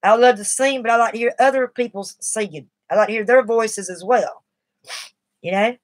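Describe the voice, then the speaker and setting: A middle-aged woman talks at length on a casual live stream, her voice on the high side and at normal speed. Shaky from nicotine withdrawal, she rambles earnestly and confidingly.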